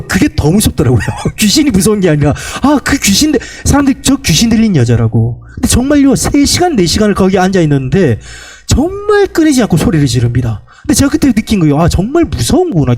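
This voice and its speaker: A middle-aged man preaching a sermon in a high voice, often asking his listeners questions. His tone swings widely, from raised pleading lines down to low, drawn-out endings. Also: a little mellow. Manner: storytelling, asks the congregation questions. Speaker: pastor.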